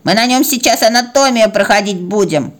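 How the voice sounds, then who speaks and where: A woman voicing a bossy, self-important female cat who lectures and scolds in a slow, firm way. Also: a little high, expressive, lightly acted. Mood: scolding.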